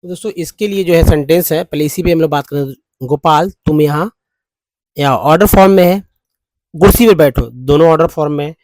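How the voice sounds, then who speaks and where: Here an Indian English-accented man leads a language lesson that alternates Hindi and English, with his pitch fairly high and his tone darkish, free of echo. His delivery is unhurried, repeating every English phrase again and again.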